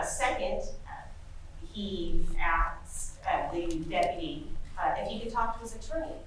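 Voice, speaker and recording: A woman attorney from Indiana making a conversational oral argument to judges in a courtroom. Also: on the low side. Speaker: defense attorney. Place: large echoing courtroom, away from mic. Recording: very echoey room, distant mic, faint noise.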